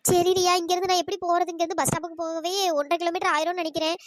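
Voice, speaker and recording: A woman's voice: very high voice, flat delivery, very fast, no echo, clean studio sound. A woman voicing a timid young bride in a cartoon, speaking hesitantly and anxiously. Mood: worried. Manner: hesitant, worried.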